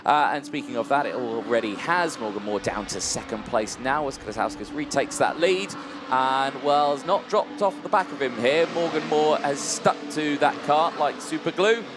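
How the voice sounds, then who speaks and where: A man's voice: medium pitch, expressive, normal speed, music in the background. Man doing live motor race commentary. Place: trackside commentary box.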